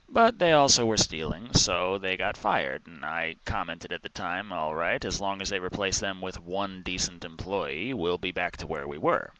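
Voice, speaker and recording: Weary, low-voiced man venting. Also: bright, forceful tone, clear, resonant tone, dry recording, rough recording. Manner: exhausted, weary, with heavy sighs and halting pauses; exasperated, complaining. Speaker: vlogger. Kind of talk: casual rambling rant to camera.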